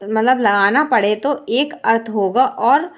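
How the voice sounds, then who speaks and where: A woman's voice: fairly high pitch, slow. A woman teacher giving an online exam-prep lesson, who repeats each point as a question and keeps checking in with "ठीक है". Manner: frequent checking "ठीक है" fillers.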